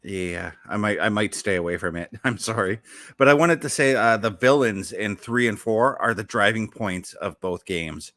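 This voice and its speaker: A man's voice: fairly low pitch, moderate pace, a bit bright, dry recording. A man hosting a casual podcast chat about video games, talking enthusiastically and rambling, often backtracking mid-sentence. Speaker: show host.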